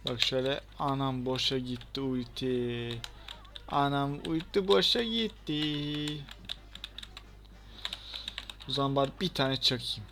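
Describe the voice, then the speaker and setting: Excitable young gamer guy. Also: mid-range voice, slow, long pauses, background noise. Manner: chatty, excitable, talks to the game and the viewers. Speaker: gaming channel host. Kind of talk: casual let's-play commentary.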